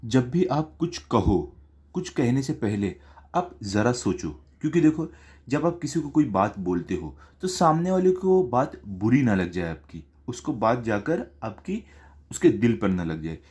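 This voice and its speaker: Lively male teacher explaining a poem. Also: medium pitch, measured pace. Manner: asks questions and answers them himself; keeps checking in with "okay?". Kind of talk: explaining a school poem to students.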